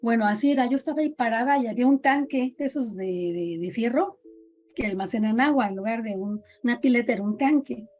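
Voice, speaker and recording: Middle-aged Mexican woman, dramatic teller of personal scary tales, mellow and a little high. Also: quick pace, faint music behind. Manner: dramatic storyteller, acts out quoted voices. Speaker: podcast guest sharing experiences. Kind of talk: casual storytelling chat.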